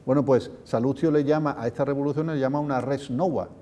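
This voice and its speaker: Man lecturing on Latin, dark voice. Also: medium pitch, steady tone, quick pace. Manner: digressive, explanatory, spells out sounds. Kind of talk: conference lecture. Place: association meeting room.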